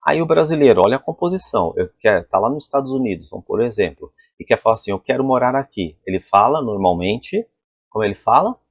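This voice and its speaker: A man's voice: medium pitch, lively intonation, fast, slightly rough, dry recording, dull audio. A man teaching an English pronunciation lesson at a board, explaining sounds and asking the class rhetorical questions. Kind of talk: whiteboard phonetics lesson.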